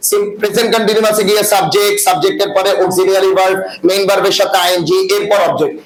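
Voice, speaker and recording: A man's voice: high-pitched, steady tone, rapid-fire, faint music behind. A man teaching an English class, lecturing and often asking students whether they follow. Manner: asks the class frequent check-in questions. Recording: echoey room with class noise.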